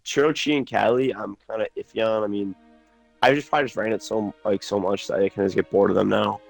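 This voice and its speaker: A man's voice: on the low side, steady tone, fast talker, gravelly, no echo, soft background music. Blunt, profane young-sounding man chatting games. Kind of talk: casual gaming chat.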